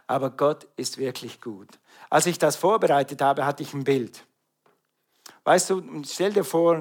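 A middle-aged man from Switzerland with a Swiss German accent, preaching an animated sermon and calling out to the congregation. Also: on the high side.

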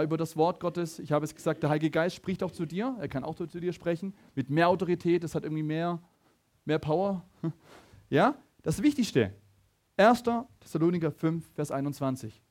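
A man preaching a sermon, telling a personal story with animated stammering restarts and talking straight to his listeners. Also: on the high side. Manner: animated, stammering restarts, addresses the audience directly.

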